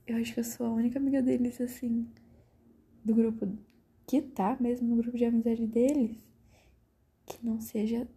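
Brief: teen Brazilian podcast host, casual storytelling, raspy breathy voice, mellow low warmth, often near a whisper. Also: female voice. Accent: Brazilian Portuguese. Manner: breathy, drifting into half-whispers, fillers like "tipo" and "mano".

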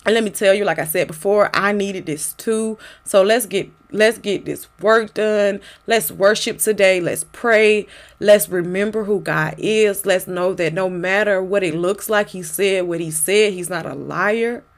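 A woman's voice: mid-range voice, unhurried. A woman hosting a casual devotional podcast, speaking in an encouraging, exhorting way to her listeners. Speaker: podcast host.

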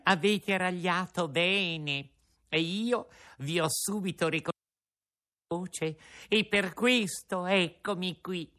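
A man voicing a sly little coach driver in a storybook reading, slow, smirking and threatening. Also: high voice, pushed and bright, voice pushed up, exaggerated voice. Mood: sly menace.

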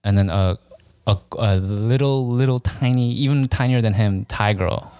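Dry, low-voiced laughing male storyteller. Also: moderate pace, darkish tone, clean tone, no echo. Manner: rambling, laughs often. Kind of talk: casual chat, storytelling.

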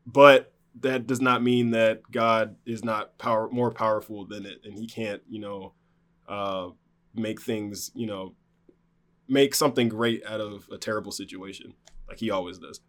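A man's voice: on the low side, steady tone, measured pace, a bit bright. A man recounting a personal story in casual conversation, rambling with many fillers and restarts. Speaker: guest telling a personal story.

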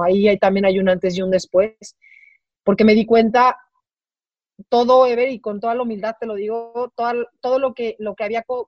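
A middle-aged woman with a Mexican accent, telling a personal story as an interview guest, halting and repeating words as her voice breaks with emotion. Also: mid-range voice, a little mellow, no echo. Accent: Mexican Spanish. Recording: dry, slightly dull recording.

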